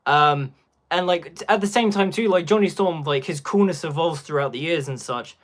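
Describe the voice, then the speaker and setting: A man's voice: fairly high pitch, normal speed. A young man giving casual live-stream commentary on a phone, rambling and packing his talk with filler words.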